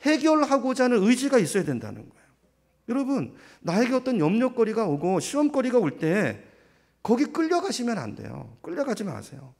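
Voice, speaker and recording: A man's voice: very high voice, huge pitch swings, a little fast, creaky, darkish tone. A middle-aged man preaching a sermon, asking the congregation rhetorical questions and acting out what other people say. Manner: acts out quoted voices of others. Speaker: pastor.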